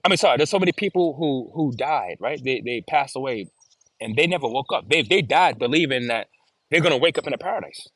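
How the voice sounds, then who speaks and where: A man's voice: medium pitch, expressive, fast talker, fairly bright tone, dry recording. A man talking as an interview guest in casual chat, earnest and given to repeating and restarting his phrases. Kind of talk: casual video-call chat.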